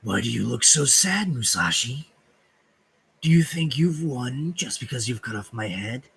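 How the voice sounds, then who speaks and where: A man voicing an arrogant male spear-wielding villain who cannot die, in a put-on gravelly voice, for a fan reading of a game story. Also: medium pitch, animated, unhurried, fairly bright tone, exaggerated voice. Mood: mocking.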